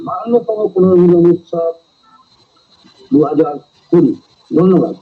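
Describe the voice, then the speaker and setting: A man's voice: a little high, unhurried, phone-quality sound. A man making a formal event announcement, repeating the same short line, heard with a heavy echo as if in a large hall. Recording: echoey distant sound with music.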